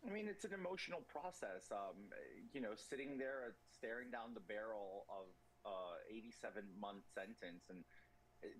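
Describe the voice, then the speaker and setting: A man in his thirties answering interview questions earnestly, halting and repeating words. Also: fairly low pitch, lively intonation, a little hiss or hum, low-quality recording. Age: 30s. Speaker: interview guest.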